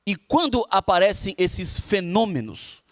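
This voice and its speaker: A man preaching a sermon in a Brazilian Portuguese accent, emphatic, with pauses and drawn-out words. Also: high voice, very animated, dry recording, studio quality. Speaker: pastor.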